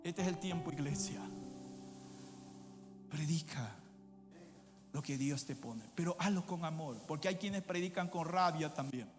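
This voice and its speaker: A male pastor preaching a sermon, moving from quiet asides to shouted climaxes. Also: fairly high pitch, a little slow, pauses often. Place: church. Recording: long church reverb with music behind.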